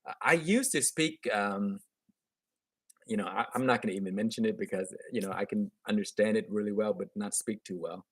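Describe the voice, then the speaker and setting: A man in his thirties with a fairly low, husky, somewhat bright voice talks fairly quickly, with no echo. A native Vietnamese speaker with a slight accent, he hosts a gardening channel and is running a casual webcam live stream from a room at home, answering viewer comments in an upbeat, chatty way and often restarting his sentences.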